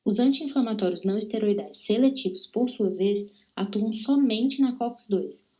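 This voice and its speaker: Young Brazilian woman, student presenter, measured read-aloud delivery, warm mellow tone. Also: mid-range voice. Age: young adult. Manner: steady, careful reading of technical terms.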